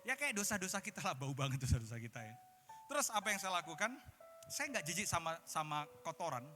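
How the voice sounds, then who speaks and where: Bright-voiced pastor preaching in a hall. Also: male voice, fairly high pitch, fast talker. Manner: animated storytelling, switching into English phrases. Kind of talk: sermon. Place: large conference hall. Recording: echoey conference hall with music.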